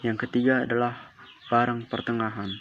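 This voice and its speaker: A teenage boy, a student, reading a homework assignment aloud as a steady list of definitions and examples. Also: medium pitch, normal speed. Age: mid-teens. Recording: dull lo-fi audio with clear background noise.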